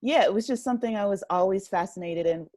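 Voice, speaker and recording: In a clean, dry studio recording, an American woman in her fifties from New Jersey, a writer and director, reminisces about her life as an interview guest. Her voice is mid-range and a bit mellow, and her pace is quick.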